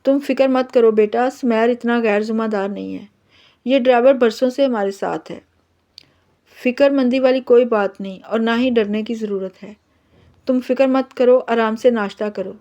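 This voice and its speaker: A woman reading the part of a kind middle-aged mother-in-law who gently reassures her. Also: on the high side, moderate pace, close to an everyday voice. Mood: reassuring.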